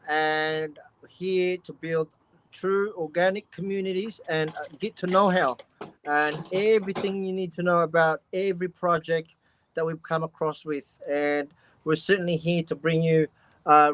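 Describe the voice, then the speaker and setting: A man's voice: on the high side, steady tone, measured pace, a bit bright. A man in his fifties hosting a casual livestream interview, talking in a loose, filler-heavy way and addressing the guest as "love". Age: 50s. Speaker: livestream host.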